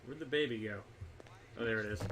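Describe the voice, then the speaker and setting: A game livestreamer with a lowish voice talks briskly, giving casual, wry commentary on his gameplay and chatting with viewers while swearing freely. The recording is noisy, with a distant mic and video game sound in the background.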